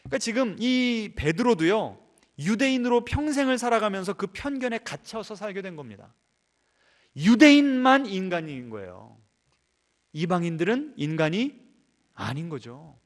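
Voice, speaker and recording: A man's voice: high-pitched, big pitch swings, moderate pace. A male pastor preaching a sermon in a church, asking the congregation rhetorical questions and building to emphatic peaks. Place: church sanctuary.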